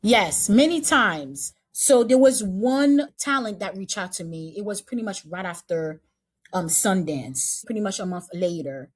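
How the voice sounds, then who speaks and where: A woman's voice: medium pitch, expressive, measured pace. A woman casting director chatting in an interview, repeating and restarting her phrases as she talks. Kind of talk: casual interview chat.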